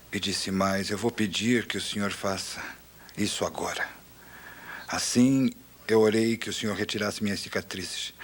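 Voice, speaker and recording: A man who is a war veteran giving a dubbed spoken testimony, telling his story earnestly, dropping to a hush and then crying out loud. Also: on the low side. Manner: earnest storytelling, swings from hushed to loud outcries.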